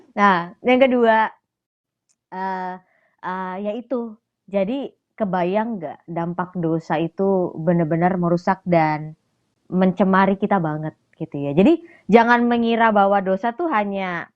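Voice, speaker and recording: Woman hosting a chatty live stream, lo-fi. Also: mid-range voice. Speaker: ministry host. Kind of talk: casual live-stream chat.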